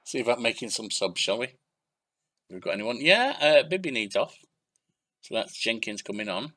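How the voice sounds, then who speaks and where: A man's voice: medium pitch, sing-song, moderate pace, pushed and bright. A young adult man giving casual let's-play commentary, narrating match action in short bursts and thinking aloud. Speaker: gaming YouTuber.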